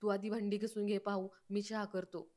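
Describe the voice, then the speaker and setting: A woman voicing an easygoing young man who tries to calm others in a retold story. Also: high voice, normal speed, lightly acted. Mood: placating.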